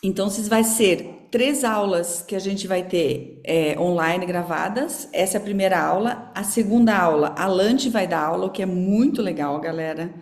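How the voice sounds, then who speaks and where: A woman's voice: on the low side, normal speed, hardly any pauses, darkish tone, echoey room. A woman with a Brazilian accent teaching an online class in a casual, chatty way with many fillers. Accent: Brazilian Portuguese. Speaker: course teacher.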